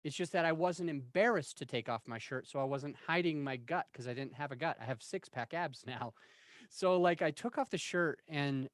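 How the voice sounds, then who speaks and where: A man's voice: medium pitch, no room sound. Candid man in his forties, dry sound. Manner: candid, self-deprecating, rambling with restarts. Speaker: interview guest. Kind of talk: casual interview storytelling.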